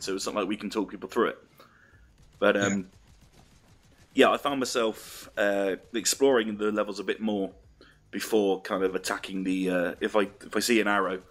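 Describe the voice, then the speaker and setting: A low-pitched man talking loosely about a new game. He rambles and circles back with lots of ums and restarts. It sounds like relaxed conversation between co-hosts. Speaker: podcast co-host. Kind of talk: casual game discussion.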